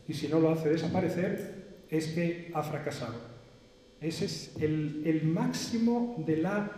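A man's voice: a little high, dark tone. Reflective man lecturing in an echoey hall. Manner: measured, rhetorical, with hesitations and repeated questions. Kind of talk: philosophical lecture. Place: seminar hall. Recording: echoey hall, distant reverb.

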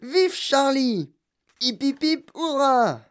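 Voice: high-pitched, lively intonation, slow pace, pitched above the performer's own voice. A reader doing a whooping very old grandfather. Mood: ecstatic. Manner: whooping, cheering. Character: very old grandfather, wildly joyful.

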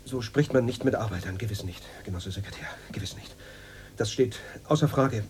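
In a noisy radio play recording with hum, an actor plays a nervous, servile Moscow radio director who stammers, gets flustered and repeats himself. His voice is on the low side, brisk and a little mellow, and the acting is light.

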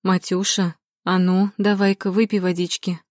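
A sharp-tongued but caring young woman, as a woman narrator reads her, coaxing softly in a lowish voice. The sound is dry and close, as in a storybook reading. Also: level tone, moderate pace, no room sound, natural voice.

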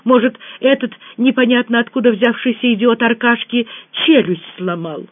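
An audiobook reader voicing a brisk young woman who answers curtly and snaps, over a tinny phone-like sound. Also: mid-range voice, pitched above the performer's own voice, natural voice. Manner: curt, snapping. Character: brisk young woman, sharp-tongued daughter-in-law.

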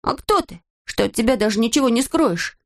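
A woman voicing a boastful, stubborn little gnome boy in an audiobook, in a high, excitable and defensive voice. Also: brisk. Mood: agitated. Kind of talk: audiobook character voice.

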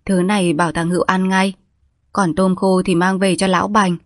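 Woman doing a gentle caring village mother. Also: on the low side, little pitch movement, moderate pace, no echo, studio quality, natural voice.

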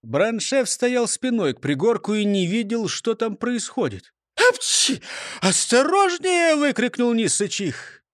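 Man, storybook reader, high voice, lively pitch, expressive, dry close sound. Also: no echo. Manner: expressive, animated reading. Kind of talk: reading a children's storybook aloud.

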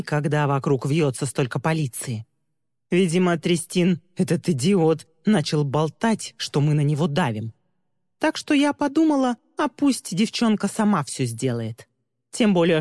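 A scornful woman villain sneers and taunts in a low, dark voice, as a woman narrator puts her on. Her contempt is steady and cold. The voice sits close and dry, trailed by a long reverb, like a storybook audiobook.

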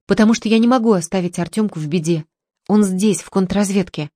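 A woman's voice: brisk, warm tone, dry recording, studio quality, lightly acted. Woman doing resolute young daughter. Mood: determined. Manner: firm, resolute, raised pitch.

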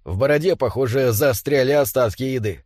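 A man narrating a storybook in an expressive, measured manner. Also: mid-range voice, dry recording, clean studio sound. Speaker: audiobook narrator.

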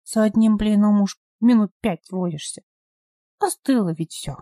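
A woman voicing a gentle, loving old grandmother who speaks softly and soothingly. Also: mid-range voice, unhurried, dry recording, studio quality, lightly acted. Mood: coaxing. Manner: soft, tender, soothing.

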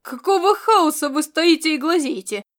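A woman's voice: a little high, steady tone, normal speed, a bit bright, lightly acted. A woman voicing an angry male military commander who snaps curt orders. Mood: barking.

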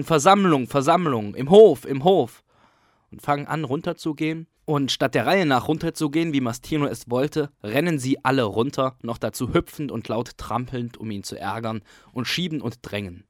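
A man doing a calm literary reading for a radio program. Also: medium pitch, fairly quick, dry recording, clean studio sound. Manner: calm storyteller. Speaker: reader.

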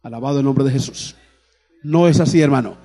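Soft background music plays as a man with a mid-range, dark, husky voice preaches a brisk sermon as pastor. He calls out praise, asks the congregation questions, and repeatedly says "amén" and "alabado el nombre de Jesús," with long hall reverb on the recording.

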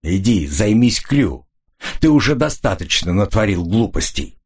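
A man voicing a calm, persuasive Englishman who bargains politely in an audiobook. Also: lowish voice, measured pace, husky, heavily acted.

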